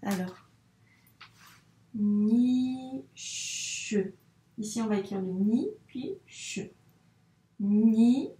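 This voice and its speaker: A woman's voice: mid-range voice, lively intonation, dark tone, a little hiss or hum. Woman, primary teacher, patient, sounds out syllables to a child, roomy echo. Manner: patient, spells sounds out slowly and clearly to a child. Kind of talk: dictation lesson for young children. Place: room with a whiteboard. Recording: echoey room.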